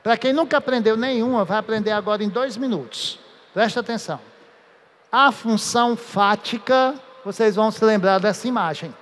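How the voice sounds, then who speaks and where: A man from Brazil, a teacher giving a lively, joking classroom lecture with drawn-out emphasis. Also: high-pitched. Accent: Brazilian Portuguese. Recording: echoey hall.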